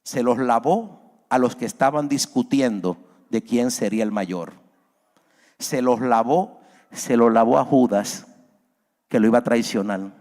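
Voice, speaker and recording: A man preaching a sermon as a pastor, his voice climbing high and loud as he acts out pleas. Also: measured pace, long pauses. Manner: preaching, voice rises high and loud when acting out Peter's plea. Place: church hall. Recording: long reverb of a large church.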